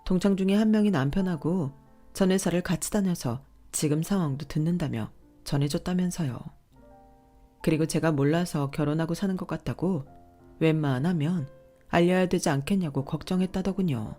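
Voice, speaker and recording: Calm woman narrator, first-person story, confiding, slightly low voice. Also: brisk, soft background music.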